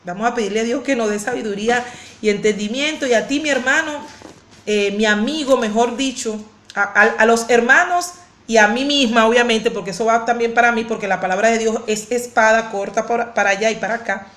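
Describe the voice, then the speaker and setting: A woman pastor preaches with fervor in a fairly high voice. She circles back on her phrases and restarts words as she presses her point. The sermon carries the echo of a roomy space. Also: brisk, a bit bright. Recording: echoey room.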